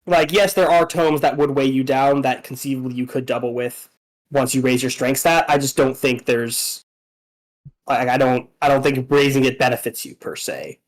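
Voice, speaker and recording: A man's voice: mid-range voice, steady tone, normal speed, poor audio. A man casually explaining game strategy, hesitant, with many fillers and restarts.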